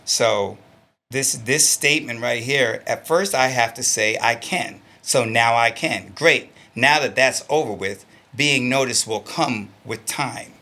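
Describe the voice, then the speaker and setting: A man's voice: mid-range voice, a little slow, bright, forceful tone. A middle-aged man, a stunt performer being interviewed, who reads from an old journal and then talks about it in a blunt, earnest and emotional way, swearing freely. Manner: emotional, close to tears.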